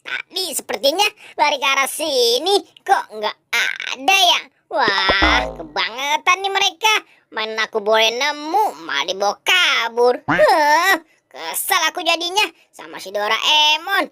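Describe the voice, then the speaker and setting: A performer voicing a cheeky, hot-tempered boy hero in a clown skit, scolding in a squeaky voice. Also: sing-song, unhurried, pushed and bright, dry recording, studio quality, exaggerated voice. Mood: annoyed. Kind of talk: costumed clown skit voice-over.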